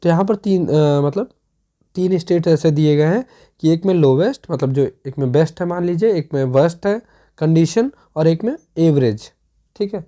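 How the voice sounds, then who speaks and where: The teacher's voice is dark and mellow, pitched in the middle of the usual range, with lively intonation and a normal speed. Walking through exam revision step by step, the teacher keeps checking that everyone is following.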